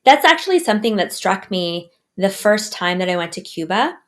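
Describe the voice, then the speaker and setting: A woman author answering interview questions in an earnest, measured way, pausing and restarting her phrases. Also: medium pitch, big pitch swings. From United States. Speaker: author guest.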